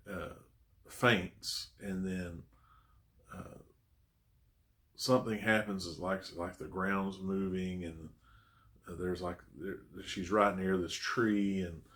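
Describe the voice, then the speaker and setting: A man with a very low, deep voice talks through the plot of a horror film in a loose, rambling recap. His tone is conversational and amused as he retells each scene. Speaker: horror movie reviewer.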